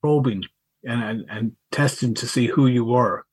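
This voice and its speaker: A middle-aged man, reminiscing casually in a halting, wry way and repeating words as he goes. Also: medium pitch, darkish tone, breathy edge, no echo. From County Mayo, Ireland. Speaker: podcast guest, school alumnus.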